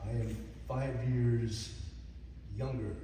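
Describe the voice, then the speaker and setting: A man in his forties gives a hesitant, slow speech full of pauses and fillers. His voice cracks with emotion. He is picked up from a distance in a large, reverberant hall with a noisy background. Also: mid-range voice, fairly even intonation. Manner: hesitant, with many fillers and restarts. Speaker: guest speaker at a dedication. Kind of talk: halting personal speech. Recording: echoey hall, mic far off, noisy.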